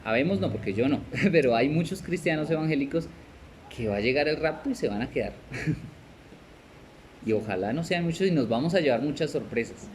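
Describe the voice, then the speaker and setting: A man's voice: on the high side, expressive, brisk, a little hiss or hum. A man with a Colombian Spanish accent, teaching a discipleship class in a conversational way, often checking in with "right?" and laughing now and then. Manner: conversational, asks "¿cierto?" and "¿sí?" often, laughs, acts out little scenes.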